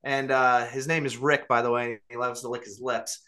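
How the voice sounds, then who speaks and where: Young man, podcast co-host, casual storytelling, animated, bright tone. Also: mid-range voice, moderate pace. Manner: animated, laughing through his story.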